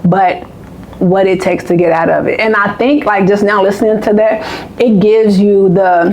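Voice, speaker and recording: A woman's voice: mid-range voice, steady tone, moderate pace, a little mellow, a little hiss or hum, poor audio. Candid woman co-host. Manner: candid, emphatic, repeats phrases. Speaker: podcast co-host. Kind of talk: casual conversation.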